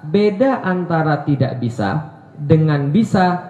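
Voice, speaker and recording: A fairly high-pitched man with a mellow, darkish tone, preaching in a playful way and quizzing his listeners. His voice bounces around an echoey hall. The recording sounds dull and lo-fi. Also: animated. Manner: playful, quizzes the audience with quick questions; joking, repeats tag questions. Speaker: Islamic preacher. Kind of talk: lively seminar talk to a live audience. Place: hall with a live audience.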